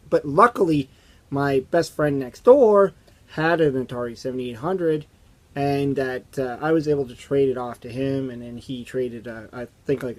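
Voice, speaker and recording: A man with a hoarse, raspy voice hosts a casual gaming video. His voice sounds strained and sits at a middling pitch. He rambles along conversationally, as if telling stories to friends. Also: darkish tone. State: hoarse from strained vocal cords. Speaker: host of a retro video game channel. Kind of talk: casual chat to camera. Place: indoors, small basement game room.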